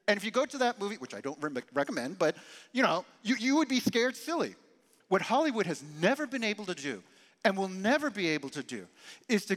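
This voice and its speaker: A man preaching a sermon as pastor, emphatic and animated, sometimes dropping his voice very low and soft. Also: long reverb tail. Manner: animated, emphatic preaching with dramatic drops to quiet.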